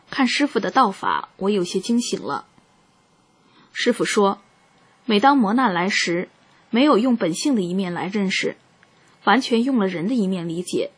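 A woman reading a first-person account aloud in a calm, measured narration. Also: mid-range voice, husky.

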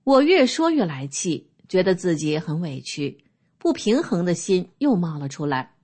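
Woman, low voice, breathy tone, calm steady first-person reading. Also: normal speed. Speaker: narrator. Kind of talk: first-person testimony read aloud.

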